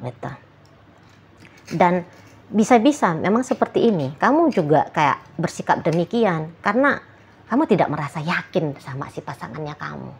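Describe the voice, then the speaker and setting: Husky low-voiced woman giving chatty advice. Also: very animated, moderate pace. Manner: chatty, repeats "gitu ya", acts out quoted lines. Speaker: relationship reader addressing a viewer. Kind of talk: casual advice monologue.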